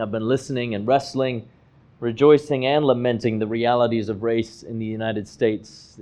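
A man in his thirties from Hong Kong, a pastor giving a measured, earnest, reflective sermon. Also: medium pitch, darkish tone. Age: 30s.

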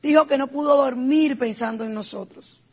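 Middle-aged woman, husky; heartfelt speaker telling her own story. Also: high-pitched, moderate pace, a little mellow. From Dominican Republic. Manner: heartfelt storytelling, emphatic and repetitive. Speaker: business speaker. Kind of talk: personal testimony speech.

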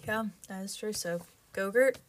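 A woman's voice: medium pitch, normal speed, a crowd in the background. A young woman in casual vlog chat, talking in a chatty, rambling way while recording inside a small closet at home. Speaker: vlogger. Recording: light background noise.

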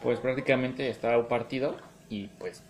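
A man's voice: mid-range voice, normal speed, a little hiss or hum. A young man with a Mexican accent, co-hosting a casual podcast and telling stories with plenty of laughter. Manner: laughing, animated storytelling. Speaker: podcast co-host. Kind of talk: casual chat, storytelling.

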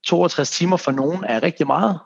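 A man's voice: on the high side, vocal fry. A man hosting a casual podcast as a fitness coach, rambling and restarting his sentences, dropping English phrases. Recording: dull lo-fi sound.

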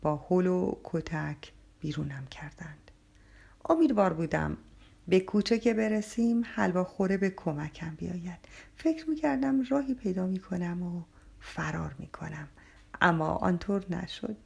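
A woman narrates a story in the first person, her voice soft and much of it whispered. It sits low, with a gravelly edge and a husky, breathy grain. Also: lively intonation.

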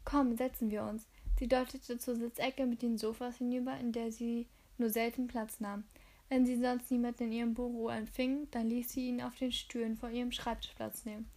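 A woman reading a novel aloud in steady scripted narration, with occasional slips. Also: fairly high pitch, moderate pace. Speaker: audiobook narrator.

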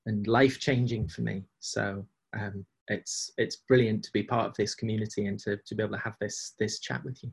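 With a fairly low, slightly rough voice marked by vocal fry, this man, an agile coach appearing as a podcast guest, talks in a casual, reflective way. He is hesitant and frequently repeats phrases mid-thought.

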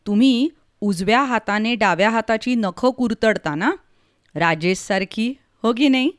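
A woman voicing a shy, eager blind young woman in a spoken story, soft and pleading in manner. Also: a little high, unhurried, no room sound, clean studio sound, lightly acted. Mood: curious.

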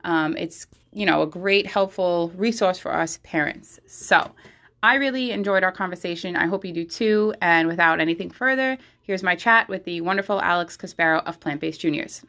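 A woman's voice: on the low side, moderate pace, sharp tone. Woman hosting from a home bathroom. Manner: enthusiastic. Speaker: podcast host. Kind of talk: casual podcast intro.

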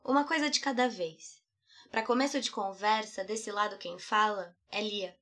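A young Brazilian woman, an artist, poet and podcast host, narrates her own thoughts from a script in a reflective, playful, poetic way. She has a Brazilian Portuguese accent and a mid-range, sharp-toned voice at normal speed.

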